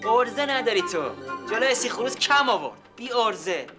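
A cranky short-tempered grouch. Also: male voice, extremely high pitch, sing-song, over music. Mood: grumbling. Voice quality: grumpy, quick-tempered. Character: cranky short-tempered grown man, fussy. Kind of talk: sitcom acting.

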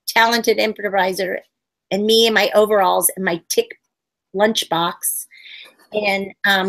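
A puppeteer in her forties, appearing as a guest, tells stories in a casual webcam interview from a room at home, acting out quotes with sudden high squeals. Her tone is fairly bright, though the audio is poor.

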